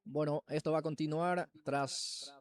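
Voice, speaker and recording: A man's voice: a little high, steady tone, a little slow. A man with a Paraguayan accent giving live football commentary as the play-by-play announcer.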